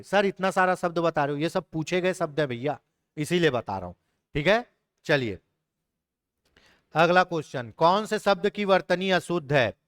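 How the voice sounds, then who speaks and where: A man's voice: a little high, a bit bright, clean tone, dry recording, clean studio sound. A young man, teaching an exam prep lesson and patiently spelling words out letter by letter. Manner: explains patiently, spells words out slowly, checks in with "ठीक है".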